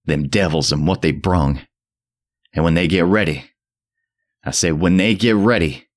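A man voicing a terrified old drunk who rants in a shrill, cracking old voice and a rustic dialect. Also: fairly even intonation, normal speed. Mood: frenzied. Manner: rustic old New England dialect, ranting. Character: terrified old male drunk, rambling and frantic.

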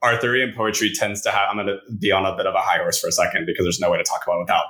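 Male podcast co-host, slightly deep but bright and forceful, enthusiastic, rambling casual chat. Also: level tone, rapid-fire. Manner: enthusiastic, rambling, peppers talk with "like".

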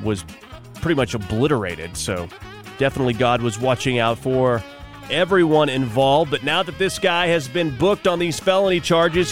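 A man hosting a morning radio show in upbeat, folksy, exclamatory patter. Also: a little high. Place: radio studio.

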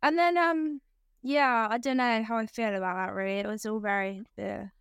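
Giggly high-voiced teen girl. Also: fairly even intonation, moderate pace, creaky, a bit bright, clean tone, no room sound, studio quality. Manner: giggly, rambling with many fillers. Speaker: podcast co-host. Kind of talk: casual chat.

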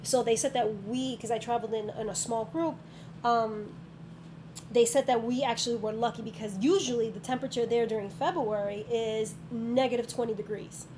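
A woman school counselor with a fairly high voice chats casually in an interview at a moderate pace, telling stories and saying "um" often. Steady background noise runs under the recording.

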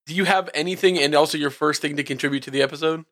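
A man's voice: fairly high pitch, rapid-fire. A man hosting a casual music podcast, laughing often and steering the talk. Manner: lively, laughs often, wraps up the show. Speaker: podcast host. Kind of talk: casual chat.

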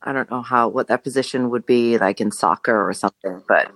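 Lady in her middle years chatting on a podcast, bright voice, dry close sound, thinks out loud. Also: very deep voice, fairly quick, dry recording. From Jamaica. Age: middle-aged. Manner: reflective, searching for words, laughs easily. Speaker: podcast guest. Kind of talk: casual conversation.

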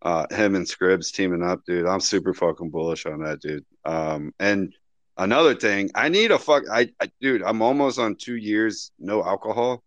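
Lowish voiced dude hosting, swears tons, slangy and brash, dry close audio. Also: male voice, moderate pace, no echo. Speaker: host of a live audio chat. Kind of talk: casual chat.

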